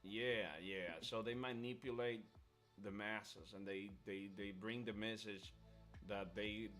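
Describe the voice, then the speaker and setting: A live stream host with a lowish, fairly bright voice speaks slowly and in a steady tone, chatting casually and offering strong opinions. He is emphatic and often repeats himself, and music plays under his voice in the background.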